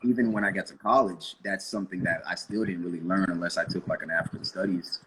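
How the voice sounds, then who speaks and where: A deep-voiced man from Florida speaks as a guest over a video call. He answers at an easy pace, stopping and restarting his thoughts. Light background hiss runs under his voice. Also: fast, poor audio. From United States (Florida). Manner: relaxed, hesitant, many fillers and restarts. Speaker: guest, audiobook company founder. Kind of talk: casual interview answers.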